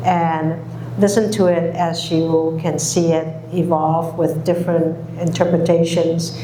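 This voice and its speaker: A woman who grew up in Hong Kong, giving a public talk, speaking slowly with many pauses and fillers. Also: sits low, little pitch movement, mellow, a little hiss or hum. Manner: slow, halting, many fillers. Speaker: guest speaker. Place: lecture hall. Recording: echoey hall recording.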